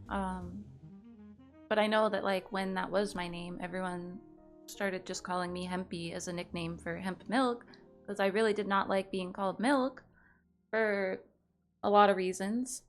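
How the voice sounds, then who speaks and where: A young woman streamer chatting casually with her stream chat, rambling, swearing often and laughing between thoughts. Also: mid-range voice.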